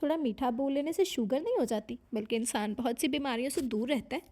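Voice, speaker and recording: A woman's voice: high voice, quick pace, dark tone. A woman narrator voicing a flustered, talkative young woman secretary in a romance story read aloud.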